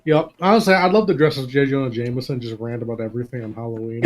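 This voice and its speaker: An adult man running a tabletop game on a voice call, narrating in halting bursts full of fillers and restarts. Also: mid-range voice, background noise. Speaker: game master.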